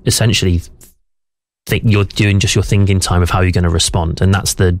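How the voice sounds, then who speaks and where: A very low-voiced man talks through a text as a theatre director, thoughtful and explanatory, often restarting his sentences. The sound is dry and close, like a small studio. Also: fairly even intonation, fairly quick, no echo. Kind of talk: coaching a reading in a radio conversation.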